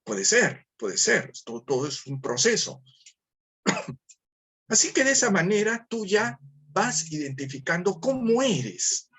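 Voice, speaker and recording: A man's voice: sits high, very animated, slow pace, long pauses, breathy edge. A man with a Peruvian Spanish accent giving a formative lecture, talking in a didactic way, repeating himself and asking rhetorical questions.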